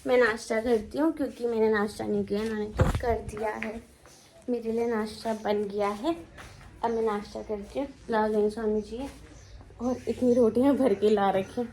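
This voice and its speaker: A woman's voice: fairly high pitch, fairly even intonation, moderate pace, darkish tone, a little hiss or hum. A young woman chatting casually for her home vlog, rambling and repeating herself as she talks. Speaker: family vlogger. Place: at home indoors.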